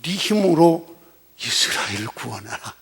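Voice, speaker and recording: A man's voice: on the high side, sing-song, measured pace, vocal fry, a bit bright, breathy edge, pitched below the performer's own voice, exaggerated voice. An older pastor voicing a solemn male angel proclaiming in archaic, formal speech within a sermon.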